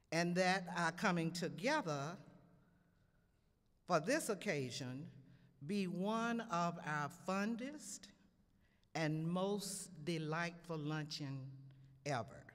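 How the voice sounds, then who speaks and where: A woman offering a solemn public prayer at a luncheon ceremony in a large hall. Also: deep voice. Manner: slow, solemn, rising and falling delivery. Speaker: invocation speaker. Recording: long reverb in a large hall.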